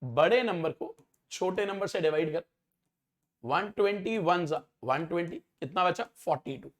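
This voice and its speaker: Young guy teaching maths, kinda high voice, walks through every step and keeps asking if you got it. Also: expressive, a little slow. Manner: explains step by step, often checks if students follow. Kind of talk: exam-prep maths lecture.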